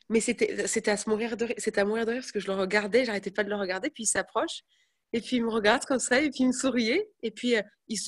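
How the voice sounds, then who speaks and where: A young woman chatting casually to her viewers, telling animated stories. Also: a little high. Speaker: network marketing presenter. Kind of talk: casual live chat.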